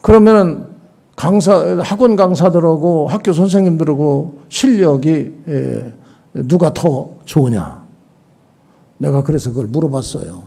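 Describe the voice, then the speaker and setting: An older male pastor preaches with a gravelly, husky voice that rises and falls widely. He drives his points home with rhetorical questions and acts out little scenes. His tone is mellow and dark, a bit higher than most men. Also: lively intonation, measured pace. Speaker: senior pastor. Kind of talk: sermon.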